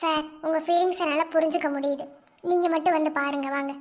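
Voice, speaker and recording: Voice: sits high, fairly even intonation, fast talker, over loud music, close to an everyday voice. A performer voicing a firm hospital nurse in a cartoon, scolding visitors. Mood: stern. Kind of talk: cartoon voice acting.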